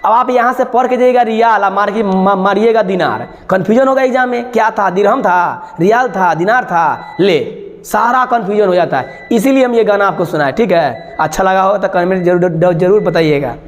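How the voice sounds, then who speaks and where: A man coaching students for exams, teaching through playful mnemonics, snatches of song and little acted sketches, and repeating key words slowly so they stick. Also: sits high, big-room sound. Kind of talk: exam-prep lesson with mnemonics.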